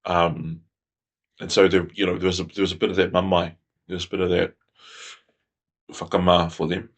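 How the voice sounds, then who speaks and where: A man's voice: sits low, flat delivery, a little fast. A man, a podcast guest talking in a thoughtful, reflective way and often repeating phrases as he thinks. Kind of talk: casual conversational interview.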